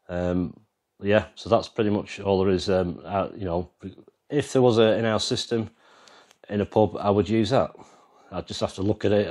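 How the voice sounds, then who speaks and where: A very deep-voiced English man talks through his band's live mixer in a loose, rambling way, pointing things out as he films it freehand. His voice sits extremely low and comes from a handheld camera. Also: darkish tone. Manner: rambling, explains as he goes. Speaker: vlogger and band musician. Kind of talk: casual walkthrough demo.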